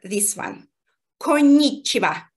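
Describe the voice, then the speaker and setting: A giggly, cheerful woman who isn't a native English speaker chats casually in a language tutorial, acting as both host and learner. She's an amateur radio host learning Japanese, and her high-leaning voice is expressive and unhurried.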